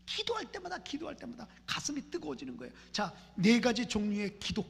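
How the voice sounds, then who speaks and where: A woman pastor from Seoul delivers an impassioned sermon in a church sanctuary, repeating phrases in rising prayer chants. Her voice is fairly high, gravelly, very animated and fairly quick. The church hall is reverberant.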